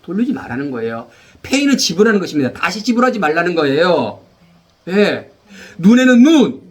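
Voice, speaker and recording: A man preaching a sermon as pastor, animated, repeating phrases and leading the congregation in call-and-response. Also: a little high.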